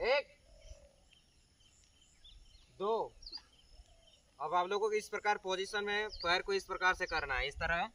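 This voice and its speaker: High-voiced man calling drill counts. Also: sharp tone, far from the mic, slight background noise. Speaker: physical training coach. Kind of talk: outdoor drill instruction. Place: outdoor training ground.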